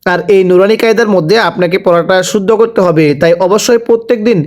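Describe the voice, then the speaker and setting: A man teaching Arabic letters, calling each one out slowly and having the learners repeat after him. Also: high-pitched. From Bangladesh. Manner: slow drawn-out letter calls, repeated prompts. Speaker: Quran reading teacher. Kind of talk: letter-by-letter recitation lesson.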